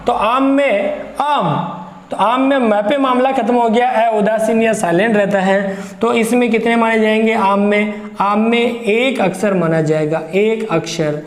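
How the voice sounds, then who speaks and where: A man with a very high voice teaches a grammar lesson to exam students. He goes slowly, says each example word several times and questions his students as he builds the point. The sound is echoey, with the room ringing around him. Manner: slow, repeats words aloud to show how they sound; explains step by step and asks the students questions.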